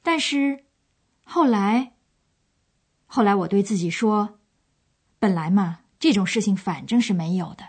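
Woman narrating a lesson, medium pitch. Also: animated, unhurried, pauses often, slightly rough. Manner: explanatory, storytelling. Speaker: language course presenter. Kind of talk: scripted narration.

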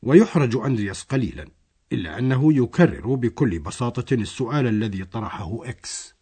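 A man's voice: mid-range voice, sing-song, a little fast, warm tone, slightly rough. A man narrating a scripted language lesson, explaining a dialogue step by step.

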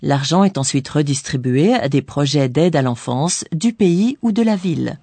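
Mellow, dry-sounding woman course narrator. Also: deep voice, lively intonation, breathy edge, no room sound. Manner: didactic, pauses on key words. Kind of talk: scripted bilingual explanation.

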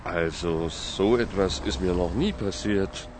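A down-to-earth cabbie in an educational radio play. He is deep-voiced, unhurried and matter-of-fact. Car noise and clicks run behind him. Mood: dismissive, puzzled. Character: laid-back, down-to-earth male taxi driver. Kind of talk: radio play for a language course. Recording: clear vehicle noise behind.

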